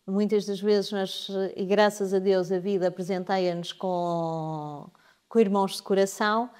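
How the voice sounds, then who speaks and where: Clear-voiced woman hosting an interview. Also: mid-range voice, steady tone, unhurried, a little mellow. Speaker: podcast host. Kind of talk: casual interview conversation.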